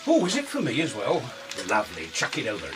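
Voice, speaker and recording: A grumpy, sarcastic police sergeant in a radio drama. His mid-pitched voice swings widely as he grumbles, barks orders and needles those around him. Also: huge pitch swings, quick pace, over loud music. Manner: gruff, sarcastic, bossy.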